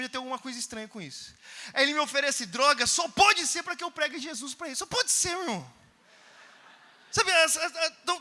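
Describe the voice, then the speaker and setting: A male preacher tells a story in a conference sermon, acting out the dialogue and shouting at the peaks. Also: very high-pitched. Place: large church hall. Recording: reverberant church hall.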